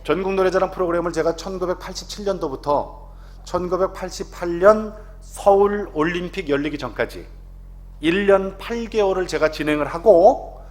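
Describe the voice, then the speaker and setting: A man in his fifties, an announcer, giving a lively testimony to a congregation and often asking the audience questions. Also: high voice, normal speed.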